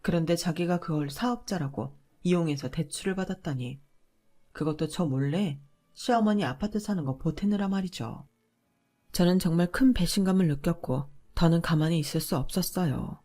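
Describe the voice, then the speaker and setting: A woman narrating a first-person family story in a calm, confiding way. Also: lowish voice, moderate pace.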